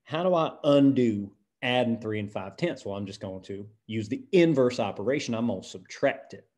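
A man's voice: medium pitch, lively intonation, moderate pace, darkish tone, natural voice. A math teacher putting on a country accent to play a folksy, patient male teacher, walking through equations and checking in with "right?" as he goes. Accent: put-on American country. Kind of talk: lesson video.

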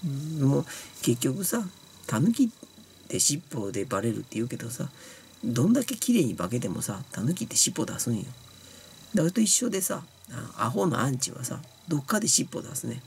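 A man's voice: medium pitch, big pitch swings, a little fast, gravelly, slight background noise. A man with a Kansai accent, tipsy and sleepy from drinking, bluntly scolding viewers in a rambling casual monologue. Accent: Kansai Japanese. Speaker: YouTuber talking to viewers.

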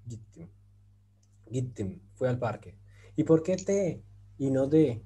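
A slow, expressive man with a medium-pitched voice that is mellow and slightly rough leads an online group class in Turkish grammar. Each explanation comes patiently, step by step, and he frequently checks understanding with "¿cierto?" ("right?").

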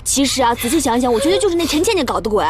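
A woman's voice: sits high, big pitch swings, noisy background. An actress in a TV drama playing a young woman soothing and coaxing her crying friend. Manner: coaxing, soothing, quick and earnest. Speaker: comforting friend and colleague. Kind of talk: TV drama acting.

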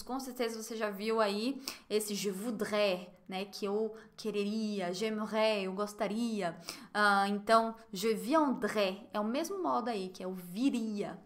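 A woman with a Brazilian Portuguese accent giving a live online French lesson, explaining phrases and slowly modeling pronunciation. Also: mid-range voice, bright, forceful tone. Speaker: French teacher.

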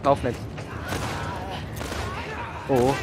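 This let's play streamer talks very slowly, muttering sarcastic remarks to himself as he plays. Background noise and game sounds sit under his gaming commentary.

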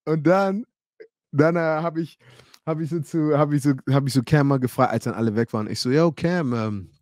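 A man's voice: fairly high pitch, steady tone, brisk, a little mellow, dry recording, studio quality. A man in his thirties, a livestream host, casually telling personal stories to his chat, acting out quoted dialogue and laughing often. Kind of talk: casual storytelling to a live chat.

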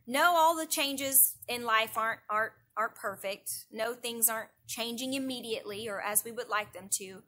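Church lady, youth director giving a devotional, kinda high and bright, repeats stuff for emphasis. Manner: earnest, repeats phrases for emphasis, rising into prayer. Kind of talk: devotional talk. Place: indoors, online church broadcast.

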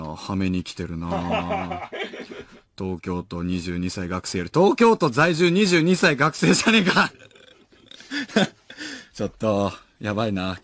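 Lively, animated male radio host. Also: lowish voice. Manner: animated, self-mocking, laughs often. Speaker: late-night radio host. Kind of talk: casual radio talk reading listener mail. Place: radio studio.

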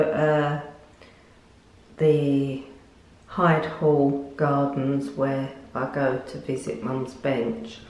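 An older woman chats slowly through a tour of her bathroom, wandering off into little asides with fillers and restarts. Her voice rings off the hard tiled walls, caught on a handheld phone. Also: deep voice, dark tone, a little hiss or hum. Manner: chatty, rambling with fillers and restarts. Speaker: lifestyle vlogger. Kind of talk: casual home tour chat. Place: small tiled bathroom at home. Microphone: phone camera held by speaker. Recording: echoey tiled room.

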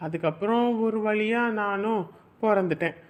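A man calmly telling his life story in a drama, unhurried and even. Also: high-pitched. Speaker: narrator in the drama.

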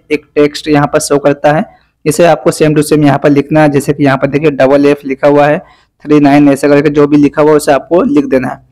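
A man narrates a phone app tutorial in a slightly high, monotone voice. He moves slowly and deliberately through each step, his energy low from fasting, repeating the instructions as he goes. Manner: instructive, repetitive step-by-step guidance. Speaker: app reviewer. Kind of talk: screen-recorded app tutorial.

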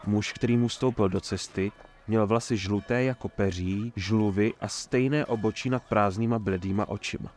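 A man narrating a fantasy audiobook in a steady, measured reading voice. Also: on the low side.

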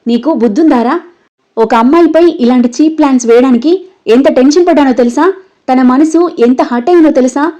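A woman's voice: fairly high pitch, fairly quick, mellow, lightly acted. A woman voicing a grave, brooding young man. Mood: stern. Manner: grave, curt. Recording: dull lo-fi recording.

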